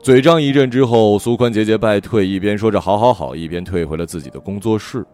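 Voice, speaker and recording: A man narrating a story in an expressive, gentle storytelling manner. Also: on the low side, fast. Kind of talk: audiobook narration. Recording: faint background music.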